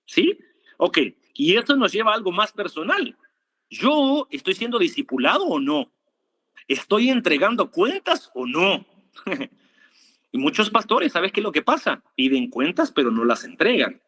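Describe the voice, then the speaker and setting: A man's voice: high-pitched, measured pace, husky. A man with an Argentine accent preaching informally to an online audience, joking and asking rhetorical questions. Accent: Argentine Spanish. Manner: animated, rhetorical questions, jokes and laughs. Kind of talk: livestream preaching with viewer greetings.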